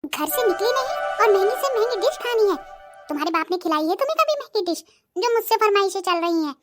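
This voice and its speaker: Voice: very high-pitched, animated, fast, over loud music. Someone voicing a teasing henpecked cartoon husband. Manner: mocking, wheedling, complaining. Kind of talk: cartoon voice acting.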